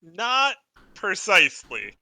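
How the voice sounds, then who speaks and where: A man playing a character in a tabletop game, talking in a halting, hesitant way. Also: sits high, huge pitch swings, gravelly, bright, forceful tone. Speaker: player.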